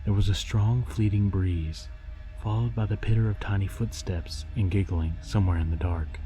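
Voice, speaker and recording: A man narrating a scripted scary story in a haunting, deliberate storytelling voice. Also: low-pitched, dark tone, low-quality recording. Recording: music behind the voice. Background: music.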